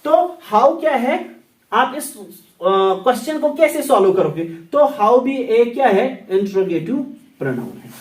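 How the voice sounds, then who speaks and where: A man teaching English grammar in Hindi, slowly repeating example sentences. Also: very high-pitched, sing-song, recorded from a distance. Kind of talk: grammar lesson explained in Hindi. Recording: echoey room, set back from the mic.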